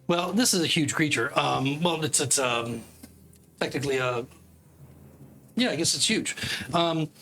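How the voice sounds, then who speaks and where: A man running a tabletop game as game master, narrating the action vividly with halting restarts. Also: a little high, bright, forceful tone, slight background noise, poor audio.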